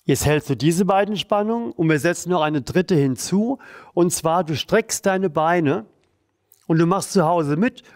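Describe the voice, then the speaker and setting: A man leading a guided exercise routine, calm and encouraging, talking while he does the moves himself. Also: sits high, no echo, studio quality. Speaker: therapy coach leading exercises.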